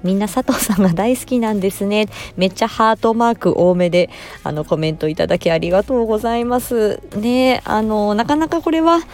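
A woman hosting a casual podcast, politely reading out listener comments in a gentle way, often pausing on filler words and sounding tired after work. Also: medium pitch. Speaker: podcast host.

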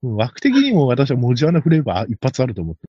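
A man hosting a casual podcast chat, talking fast and laughing at his own jokes. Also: medium pitch, wildly swooping pitch, warm tone, husky, no room sound. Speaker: podcast host. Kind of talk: casual chat about horse racing picks. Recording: dry, slightly dull lo-fi recording.

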